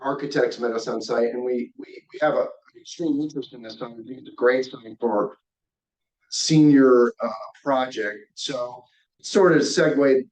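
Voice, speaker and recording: Presenting a real estate development plan at a community meeting, a man speaks haltingly with many restarts and repeated words in a darkish, mid-range voice. Because he's far from the speakerphone on a video call, the reverberant sound lacks highs and breaks up, with dropouts and clipped word endings.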